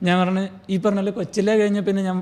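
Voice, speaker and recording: A man with a Malayali accent telling personal stories in a casual chat among friends. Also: high voice. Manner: fast, animated storytelling. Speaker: comedy podcast panelist.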